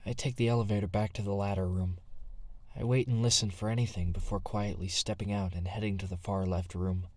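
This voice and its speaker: An actor playing a nervous young male survivor, narrating an audio drama in the first person with tense, hushed storytelling. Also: lowish voice, steady tone, fairly quick, dry recording, close to an everyday voice. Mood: uneasy.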